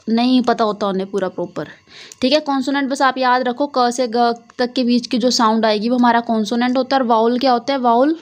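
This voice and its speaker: A woman teacher explaining poetry lessons, often asking her students questions and answering them herself. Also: on the high side. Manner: repetitive, coaxing, asks and answers own questions. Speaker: English teacher. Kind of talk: Hindi-English classroom explanation.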